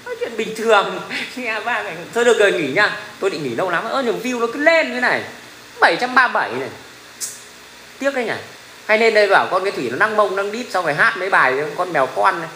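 He's a middle-aged livestream host whose high-pitched, animated voice moves fast with a sharp edge. Rambling and casual, he swears freely, speaks bluntly, and laughs a lot, all in an echoey space with faint background noise.

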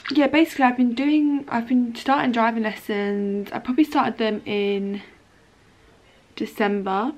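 A woman's voice: fairly high pitch, steady tone, a little slow, poor audio. A young woman chatting casually to camera in a vlog, rambling with lots of fillers. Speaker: vlogger.

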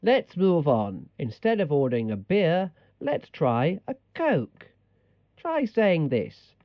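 A man's voice: fairly high pitch, huge pitch swings, takes it slowly, no echo, exaggerated voice. Guy doing bossy exasperated language tape teacher, comedy narration, dry close sound, bit muffled. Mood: instructive. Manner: bossy, mock-instructional.

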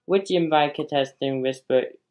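A woman's voice: low-pitched, moderate pace, a little mellow. A woman hosting a playful pretend game show, rambling and stumbling over the questions as she reads.

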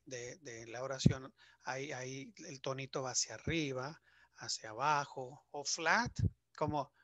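A man teaching English to Spanish speakers in a video lesson, lively and asking the viewer questions. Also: medium pitch, dry recording. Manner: lively, stretches words and asks the viewer questions.

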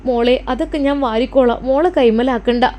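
A woman's voice: fairly high pitch, a little fast, warm tone, lightly acted. A woman voicing a loving, anxious older mother in a spoken story, tender and pleading, with a Malappuram Malayalam accent. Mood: gentle. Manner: tender, pleading, calls her daughter dear.

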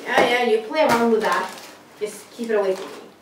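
Cosplay skit: young woman playing bossy, exasperated young male masked villain; fairly high voice, echoey kitchen, far camera. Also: fairly quick, noisy background, natural voice. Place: home kitchen, indoors.

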